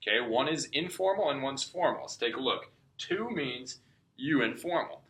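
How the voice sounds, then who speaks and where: A man's voice: mid-range voice, animated, normal speed, a bit bright. A man teaching a step-by-step language lesson, patiently explaining and checking in with "okay?" as he goes. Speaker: Spanish tutor. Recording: echoey room.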